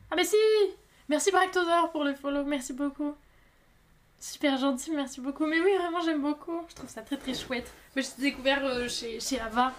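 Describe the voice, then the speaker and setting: High-pitched lady potter streaming live, chatty and jumpy, keeps saying sorry. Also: background noise. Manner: chatty, excitable, quick to apologize. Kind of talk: casual live-stream chat.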